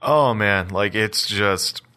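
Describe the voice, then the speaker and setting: A man co-hosts a casual podcast in a low voice with a sharp, bright edge. He jokes wryly and tosses off quick asides. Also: faint music behind. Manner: wry and joking, quick asides. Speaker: podcast co-host.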